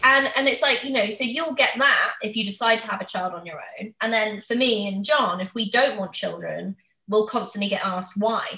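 A woman with a medium-pitched, bright, forceful voice talks at normal speed in a casual conversation. She's chatty and candid, acting out the questions other people ask. The recording sounds roomy and echoey.

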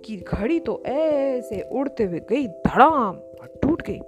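A woman's voice: on the high side, very animated, takes it slowly, music in the background. A woman voicing a playful older sister who mocks her little brother in a sing-song way in a storybook tale. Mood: teasing.

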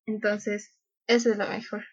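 A woman's voice: medium pitch, flat delivery, measured pace. A young woman, a scout leader and podcast guest, telling a story in a chatty way and acting out the dialogue. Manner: chatty, acts out quoted dialogue, frequent laughs. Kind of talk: casual interview storytelling. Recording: dull, lo-fi sound.

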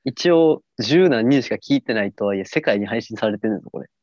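A man's voice: on the low side, lively intonation, a little mellow, no echo, highs cut off. Joking Kansai man on a podcast. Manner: joking, teasing, quick comebacks. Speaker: podcast co-host. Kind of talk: casual comedic chat.

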